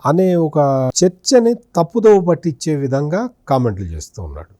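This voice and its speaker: A man's voice: on the high side, wildly swooping pitch, moderate pace, warm tone, no room sound, studio quality. A man, a senior journalist, giving accusing political commentary in an interview, firing rhetorical questions at an absent politician.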